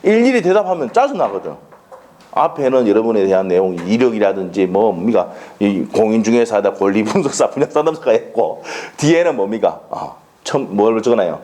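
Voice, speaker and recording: A man's voice: fairly low pitch, sing-song, brisk, mellow. A man with a Gyeongsang Korean accent giving a classroom law lecture, blunt and colloquial, constantly firing rhetorical questions and checking that students follow.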